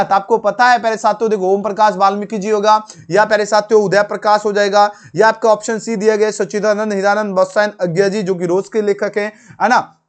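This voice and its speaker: A man walking through an exam answer key, repeating each question, calling viewers dear friends, his talk full of fillers. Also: high-pitched. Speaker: teacher.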